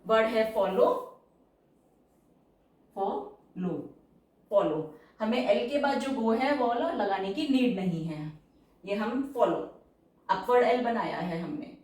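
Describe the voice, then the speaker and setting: Slow patient woman teaching in an echoey room. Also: a little high, lively intonation, a little mellow, recorded from a distance. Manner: slow, patient, checks understanding. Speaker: shorthand teacher. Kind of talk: step-by-step lesson explanation. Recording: echoey room, voice away from mic.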